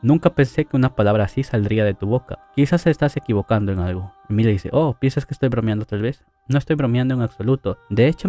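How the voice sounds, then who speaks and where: A man's voice: mid-range voice, mellow. A man casually retelling an anime story, reading out the characters' lines and adding chatty asides. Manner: chatty, adds asides and fillers. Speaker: anime story recap narrator.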